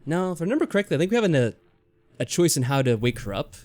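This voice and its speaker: With game music underneath, a man runs a let's play, offering tentative, casual commentary and reading in-game text aloud. His slightly high voice is sing-song, rapid-fire and a bit mellow, recorded with no room sound.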